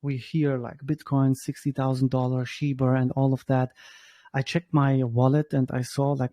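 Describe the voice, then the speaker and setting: A man in his thirties who grew up in Germany, introducing himself as a founder in a halting way, with many fillers and restarts. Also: mid-range voice, mellow, no echo. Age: 30s. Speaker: guest, startup founder. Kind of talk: casual spoken self-introduction.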